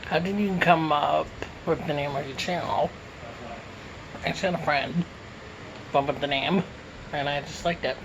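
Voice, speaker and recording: A man's voice: fairly high pitch, steady tone, normal speed, vocal fry, long pauses, background noise. A man from Canada answering questions in a casual mukbang Q and A, talking with his mouth full as he eats, recorded on a phone. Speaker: YouTuber answering viewer questions.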